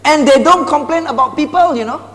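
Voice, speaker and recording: A man giving a lively sales seminar, animated, asking the audience rhetorical questions and mixing in English phrases. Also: very high-pitched, moderate pace, in a large hall. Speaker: sales trainer. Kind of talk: motivational seminar talk.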